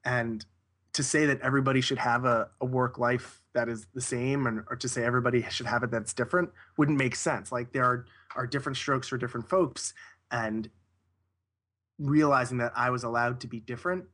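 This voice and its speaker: A man's voice: medium pitch, steady tone, fairly quick, pushed and bright. A man talking casually as an interview guest, rambling and correcting himself as he goes. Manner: rambling, self-correcting, with frequent restarts.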